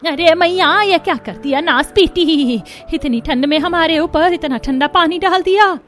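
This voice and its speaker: A woman voicing a scolding, dramatic older mother-in-law who exclaims loudly in a cartoon story. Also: very high-pitched, unhurried, a little hiss or hum, voice pushed up.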